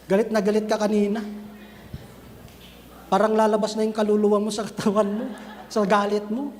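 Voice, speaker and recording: A man preaching a sermon to a church group, talking to the brethren and acting out scenes in an animated way. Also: sits high, brisk, big-room sound. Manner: switches between Filipino and English, addresses listeners as brethren; animated, acts out scenes with raised voice. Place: church cell group gathering.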